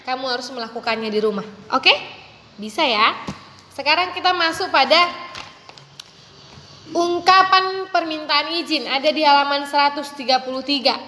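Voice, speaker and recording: A woman teaching young children, speaking gently and calling her pupils dear, sometimes acting out a child's requests in a high voice. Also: normal speed, long pauses, long reverb tail, a little hiss or hum. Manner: acts out children's rude and polite requests in a high voice. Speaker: primary school teacher. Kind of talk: online lesson for young children.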